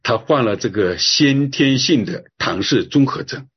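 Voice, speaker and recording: A man's voice: medium pitch, lively intonation, a little slow, husky, highs cut off. A man preaching a sermon, telling a story earnestly and drawing his phrases out, ending with a prayer. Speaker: pastor.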